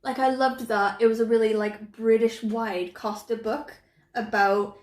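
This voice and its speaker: A woman's voice: fairly high pitch, flat delivery, measured pace, echoey room. An American woman chatting casually about books in very informal speech peppered with filler words. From United States. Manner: informal, frequent "like" and "you know". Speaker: book vlogger.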